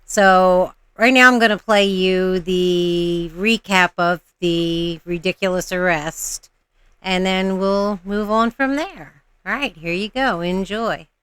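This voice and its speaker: A woman's voice: lowish voice, takes it slowly, a bit bright, clean tone, dry recording. A woman hosting a casual reaction video, commenting in an exasperated, mocking way. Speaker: host of a reaction video channel.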